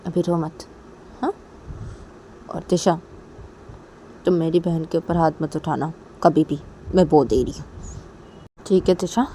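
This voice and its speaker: A patient elder sister who coaxes her weeping sibling with the same soft phrases over and over, as a woman puts her on. The voice sits low and mellow in a storybook telling, with a faint hum of traffic behind. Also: steady tone, a little slow, long pauses. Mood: stern. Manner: soothing, coaxing, repeats herself. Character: gentle elder sister consoling younger sister.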